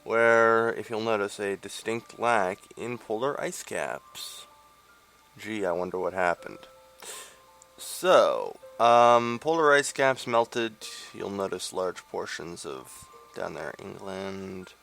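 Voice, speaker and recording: Creaky-voiced young man gaming. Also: lowish voice, slow pace, few pauses, a bit bright, faint music behind. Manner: rambling, sarcastic, many fillers. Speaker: let's play host. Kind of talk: casual gameplay commentary.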